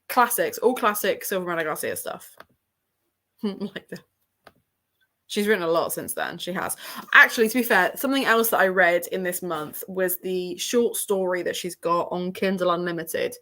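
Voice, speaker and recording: With an English accent and a pushed, bright mid-range voice, a woman hosts a casual book livestream from a room at her parents' home. She has a sore throat but stays chatty and rambling, laughing often as she runs her book channel.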